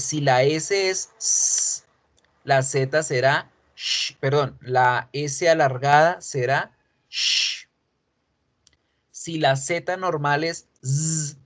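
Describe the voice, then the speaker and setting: Male teacher, slightly high voice, slow drilling delivery, patient pronunciation lesson. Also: fairly bright tone. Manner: patient, repeats each word several times as a drill. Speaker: English teacher.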